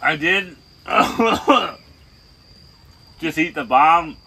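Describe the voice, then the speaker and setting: A young man co-hosting a hot-food challenge, bantering casually, yelling, swearing and laughing a lot. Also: on the high side, expressive, extremely slow, creaky, husky.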